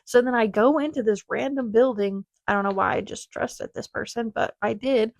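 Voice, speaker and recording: A woman's voice: on the high side, normal speed, vocal fry, dry recording. A woman in her twenties hosting a casual solo podcast, telling a rambling personal story with chatty tangents. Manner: chatty, rambling, self-deprecating with frequent tangents. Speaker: podcast host.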